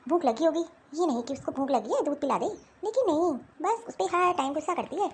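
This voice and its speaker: A woman's voice: high-pitched, animated, fairly quick. A woman voicing a tired, overworked older mother-in-law in a cartoon story, complaining and self-pitying. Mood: weary. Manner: complaining, grumbling to herself. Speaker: voice actor. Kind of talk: Hindi cartoon dialogue.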